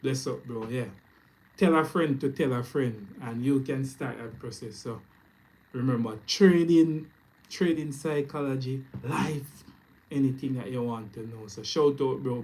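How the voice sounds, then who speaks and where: A Jamaican man talking casually to his camera, his voice at an ordinary middle pitch. He chats loosely and upbeat, piling on greetings and shout-outs. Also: low-quality recording. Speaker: YouTube trading streamer. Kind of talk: casual live stream chat. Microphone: camera mic, speaking to camera.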